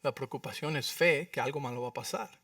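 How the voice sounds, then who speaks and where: Animated man preaching with a bright voice. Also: mid-range voice, fast talker, dry recording, clean studio sound, recorded from a distance. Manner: animated preaching, acting out prayers and dialogue with sudden loud outbursts; asks the congregation for agreement with frequent rhetorical questions. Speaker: pastor. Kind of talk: sermon. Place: church.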